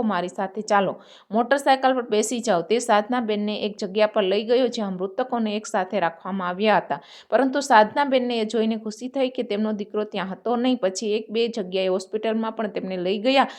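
A woman narrating a scripted story and reading all the dialogue in the same even narrating voice. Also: a little high.

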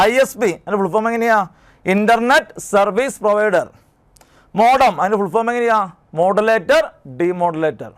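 High, clear-voiced man drilling exam terms. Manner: drills terms by asking and repeating them. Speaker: exam coaching teacher. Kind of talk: exam prep lesson.

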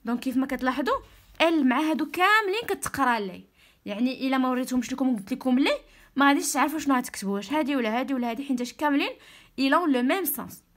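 A woman with a Moroccan accent giving an online French reading lesson, slowly spelling out sounds and explaining in Darija. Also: sits high, expressive. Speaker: French teacher.

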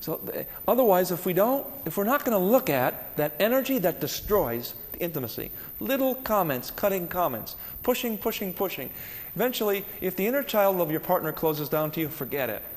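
A man's voice: high voice, big pitch swings, brisk, a little mellow, big-room sound. A man giving a spiritual lecture to a live audience, earnest and conversational, often putting questions to his listeners.

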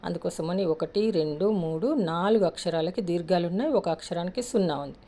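Patient woman teacher with a dark voice. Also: on the low side, quick pace. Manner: patient, repeats and counts syllables aloud; asks questions then answers them herself. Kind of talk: explaining a lesson step by step.

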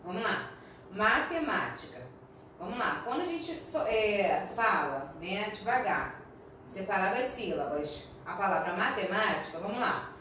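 A woman primary school teacher with a Brazilian accent, slowly and patiently explaining a recorded class lesson and often checking in with her pupils. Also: mid-range voice, very animated, a bit bright, a little hiss or hum. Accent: Brazilian Portuguese. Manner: slow, patient, frequent check-ins with the class. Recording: echoey room, mic at a distance.

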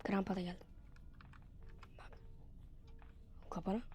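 A woman giving casual commentary while playing a horror game, excitable and quick to get frustrated. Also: medium pitch, soft background music. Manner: excitable, bursts into frustrated yelps. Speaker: gamer.

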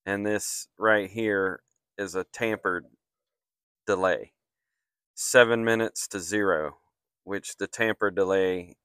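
Slow, steady man explaining a repair. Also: low-pitched, smooth, no room sound, studio quality. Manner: slow, matter-of-fact explaining while working. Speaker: HVAC technician. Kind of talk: hands-on repair walkthrough. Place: outdoors on a flat commercial rooftop.

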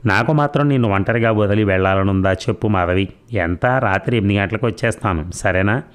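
A man's voice: lowish voice, brisk, smooth, natural voice. A man reading as a teasing young husband. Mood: tender. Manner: playful banter, mock pleading. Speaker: doctor.

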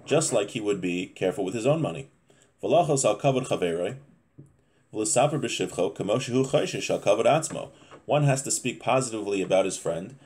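A man in his thirties with a darkish voice on the low side gives an informal religious talk indoors, in a small home room. As a teacher, he reads Hebrew phrases and explains them in English, often circling back to repeat and rephrase.

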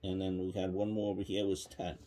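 In a small child's bedroom, a parent reads a counting book to his child as a bedtime story, patiently asking questions along the way. His voice is low and warm but monotone, and he talks fast.

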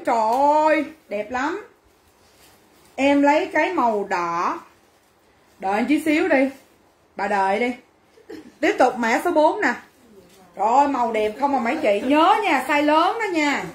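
A woman's voice: sits high, animated, normal speed, long pauses, reverberant. A woman selling clothes on a livestream, brash and teasing as she banters with viewers. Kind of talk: livestream sales chat.

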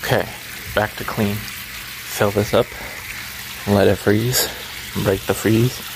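A man with a creaky, gravelly voice mutters an offhand vlog at a slow, halting pace. He grumbles and curses casually. It is a noisy outdoor recording on a handheld phone. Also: fairly low pitch, fairly even intonation. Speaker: vlogger. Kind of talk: casual first-person outdoor vlog chat, muttering to camera. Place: outdoors in a backyard. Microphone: handheld phone held by the speaker.

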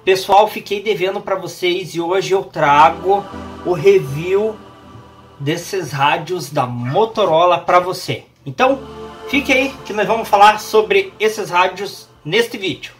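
A man's voice: high voice, slow pace. Brazilian man reviewing gear, music behind. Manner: hesitant, repeats phrases for emphasis. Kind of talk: casual product review to camera. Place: small home office room indoors.

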